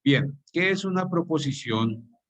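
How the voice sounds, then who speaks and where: A man's voice: fairly high pitch, expressive, measured pace. Colombian guy teaching online over a video call, explains stuff and keeps asking the students questions. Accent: Colombian Spanish. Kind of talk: online class lecture.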